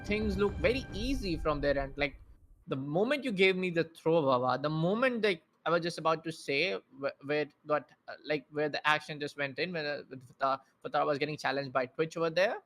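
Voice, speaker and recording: Excited, bright-voiced male esports caster. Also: on the high side. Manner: excitable, rapid, with many fillers and restarts. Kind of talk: live play-by-play game commentary.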